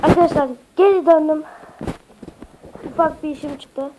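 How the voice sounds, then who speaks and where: High-voiced woman with a slightly sick voice. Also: moderate pace, warm tone, slight background noise, low-quality recording. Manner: keeps addressing viewers as friends, chatty and hesitant with many fillers. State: slightly sick voice with occasional coughs. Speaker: Minecraft tutorial YouTuber. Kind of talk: casual gameplay tutorial narration.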